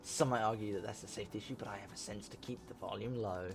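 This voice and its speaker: A man hosting a let's play, reading a visual novel aloud in an animated way. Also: lowish voice, fast talker, vocal fry, music in the background. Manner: animated reading, laughs and shouts at tense moments.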